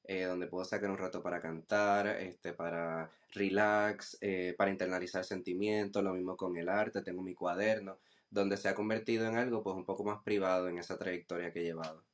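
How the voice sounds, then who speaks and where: A man's voice: deep voice, steady tone, moderate pace. A man in his twenties with a Puerto Rican Caribbean Spanish accent, chatting casually as a podcast guest and sprinkling in English words. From Puerto Rico. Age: 20s. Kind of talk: casual chat.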